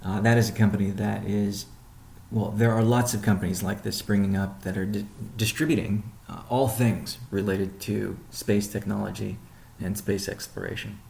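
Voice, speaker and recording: Running a routine weekly conference call, a CEO explains updates in a measured manner, often stopping partway through sentences. His fairly low, gravelly voice is a little mellow, with little pitch movement, and the recording echoes around the room.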